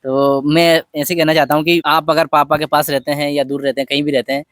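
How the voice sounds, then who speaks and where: A man talking softly and from the heart in a personal vlog, telling a story at an unhurried pace. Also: on the high side, level tone, no echo, clean studio sound. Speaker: vlogger. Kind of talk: personal reflective talk.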